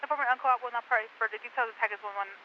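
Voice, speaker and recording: A woman working as a police dispatcher, reading out codes, plates and addresses in a rapid, clipped way over a police radio. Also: fairly high pitch. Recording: muffled scanner radio with hiss.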